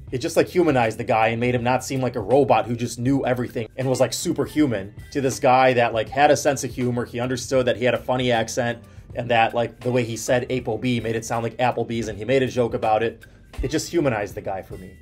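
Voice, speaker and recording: A man in his thirties giving casual study advice to camera, telling stories in an animated way with lots of "like" fillers. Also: medium pitch. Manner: animated storytelling with frequent "like" fillers.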